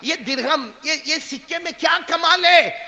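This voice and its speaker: A man's voice: very high voice, gravelly, pushed and bright, long reverb tail, pitched above the performer's own voice, heavily acted. A man voicing a humble young male pilgrim who pleads anxiously. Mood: pleading.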